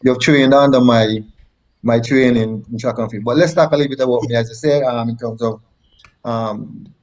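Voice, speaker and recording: A former track athlete from Nevis, Saint Kitts and Nevis, appears as an interview guest, telling personal stories in a Nevisian Caribbean accent. His mid-range voice is a little mellow, with fairly even intonation and a normal speed. He repeats phrases for emphasis, and the sound is lo-fi.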